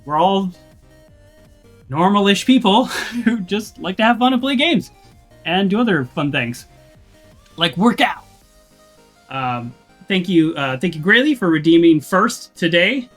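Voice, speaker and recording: A casual game streamer talking to a live audience in a middle-pitched voice. The delivery is loose and rambling, full of restarts and small laughs, with faint music in the background. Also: lively intonation, measured pace, long pauses. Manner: chatty, with frequent restarts and laughs.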